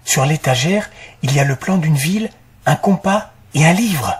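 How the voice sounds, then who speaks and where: A man's voice: fairly high pitch, expressive, moderate pace, breathy edge. A man playing a thoughtful young student searching for clues in a scripted audio story for language learners.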